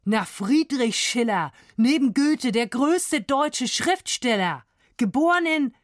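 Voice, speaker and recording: A woman voicing a stern, pompous old male piano professor who lectures slowly. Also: fairly low pitch, animated, no room sound, clean studio sound. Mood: lecturing.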